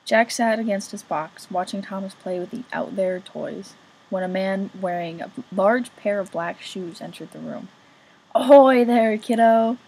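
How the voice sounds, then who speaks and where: A woman's voice: fairly low pitch, moderate pace, creaky, breathy edge, low-quality recording. A woman reading a novel chapter aloud as an amateur reader, casually remarking on her own slips.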